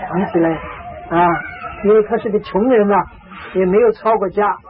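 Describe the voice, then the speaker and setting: A man preaching a storytelling sermon, repeating phrases for emphasis and filling pauses with drawn-out "ah"s. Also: sits high, fairly even intonation. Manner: repetitive, emphatic, frequent drawn-out "ah" fillers. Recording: tinny phone-like lo-fi recording.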